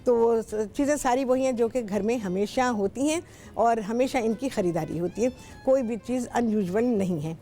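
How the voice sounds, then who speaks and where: This middle-aged host of a TV cooking show speaks with a Pakistani Urdu accent, her voice on the high side, mellow, and at a normal speed, with faint music behind her. Talking with callers from the studio, she is chatty and instructive and says things again and again.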